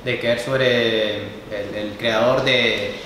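A man's voice: on the low side, steady tone, extremely slow. Hesitant man in his twenties, echoey room. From Nicaragua, raised in Canada. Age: 20s. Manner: hesitant, soft-spoken, trailing off. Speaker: guest. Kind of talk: casual interview. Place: bright room, seated on a leather couch. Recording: echoey room with reverb and background noise.

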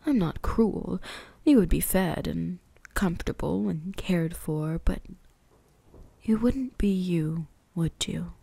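A breathy, husky whisper with a creaky edge, dark and soft. It is a possessive vampire huntress played by a woman in an ASMR roleplay, slowly teasing and commanding her prey with quiet menace. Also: mid-range voice, exaggerated voice. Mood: quietly threatening.

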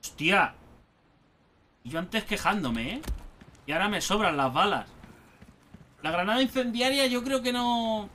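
A young man with a Spain Spanish accent chatters through let's play commentary, bursting into exclamations as he talks to himself. His voice sits high and swings widely in pitch, with a bright, sharp tone. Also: slight background noise. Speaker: gaming YouTuber.

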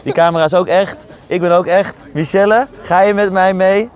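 A man's voice: high voice, steady tone, normal speed. A man in his twenties presenting casually on the street as a matchmaking host, playful and teasing. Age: 20s. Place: outdoors on streets and in a car. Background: music.

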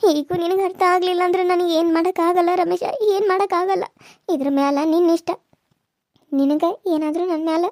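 A woman's voice: very high voice, a little mellow, no echo, studio quality. A woman voicing a distressed young village wife in a cartoon serial, pleading and tearful. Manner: pleading, tearful, fast and pressing.

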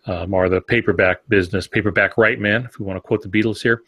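A man's voice: fairly low pitch, fairly even intonation, quick pace, fairly bright tone, no echo. A man co-hosting a podcast, chatting casually in a rambling, self-deprecating way.

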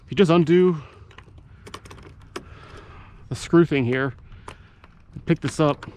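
A man's voice: fairly high pitch, slow pace, darkish tone, slight background noise. A man giving a casual how-to narration as a vlogger showing his gear. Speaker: motovlogger presenting his gear setup.

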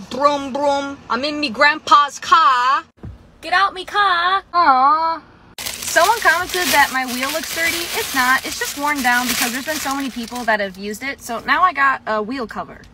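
A woman's voice: high-pitched, pushed and bright, slight background noise. A young woman from Chicago chatting playfully in her car, joking around as she shows it off. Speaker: vlogger. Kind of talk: casual chat.

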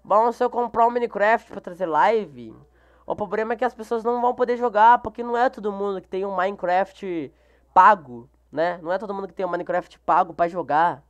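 A man's voice: high-pitched, a little fast, dull audio. A male live streamer with a Brazilian Portuguese accent, chatting casually during a game stream and greeting viewers by name, repeating each greeting. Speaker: live streamer reading chat.

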